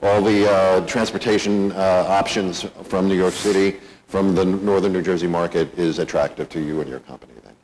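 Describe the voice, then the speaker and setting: Deep-voiced male interviewer, halting. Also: fairly even intonation, a little mellow, a little hiss or hum, low-quality recording. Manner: halting, many fillers and restarts. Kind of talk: onstage interview questions.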